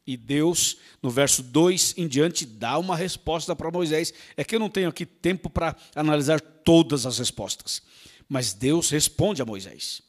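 A man preaching a sermon as pastor, lively and theatrical, acting out the quotes he tells. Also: on the high side, normal speed.

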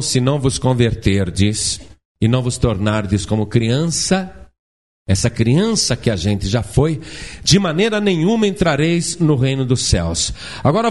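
A middle-aged man preaching a sermon, asking the congregation questions and acting out the voices of children and parents. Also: mid-range voice. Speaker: pastor.

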